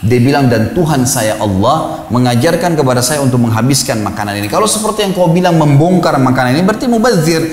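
A man's voice: medium pitch, expressive, fast talker. A man preaching an Islamic sermon, telling a story and quoting Arabic verses, often asking his listeners "right?". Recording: echoey hall with long reverb.

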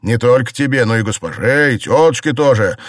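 A man reading aloud voices a testy young nobleman who shouts and sneers at his wife. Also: medium pitch, lively intonation, brisk, dry recording, pitched above the performer's own voice, natural voice. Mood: sarcastic. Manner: shouting, grumbling, sarcastic.

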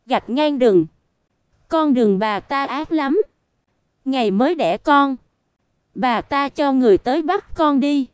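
A woman reading the part of a tearful middle-aged mother in a storybook, in a soft, pleading way. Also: high-pitched, animated, takes it slowly, pauses often, dry recording, clean studio sound. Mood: fearful.

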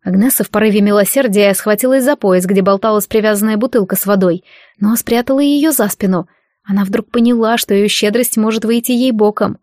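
Steady woman audiobook narrator, dry close sound. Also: mid-range voice, brisk, no room sound. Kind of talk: scripted narration.

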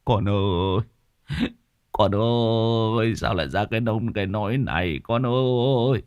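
A man narrating a ghost story who voices an older village father from Vietnam, keening and crying out in drawn-out wails over his dead son. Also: on the low side, darkish tone, smooth, no echo, clean studio sound, natural voice. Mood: wailing grief.

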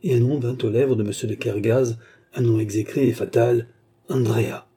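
A man narrating a novel as an audiobook in a measured, dramatic way. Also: medium pitch, steady tone, dark tone, breathy edge. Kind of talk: scripted narration.

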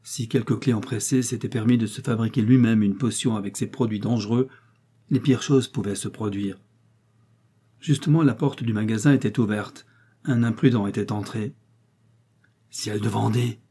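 Husky-voiced male audiobook narrator. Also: on the low side, moderate pace, dark tone. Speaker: audiobook reader. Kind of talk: scripted narration.

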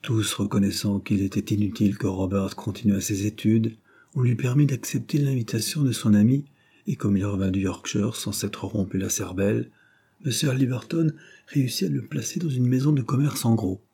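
Man narrating an old novel, audiobook, dark mellow voice. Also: on the low side, moderate pace, husky.

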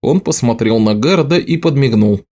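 A man narrating an audiobook in a steady storytelling delivery. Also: mid-range voice, moderate pace. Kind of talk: scripted narration.

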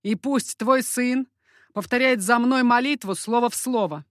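A woman reading an audiobook, voicing a bold young swordsman who speaks in slow, stern commands. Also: medium pitch, animated, no echo, clean studio sound, natural voice. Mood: commanding. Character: young male Piedmontese swordsman, bold and harsh.

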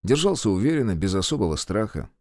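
A man reading an audiobook in a measured, expressive narrating manner. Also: on the low side, no room sound, clean studio sound. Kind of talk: scripted narration.

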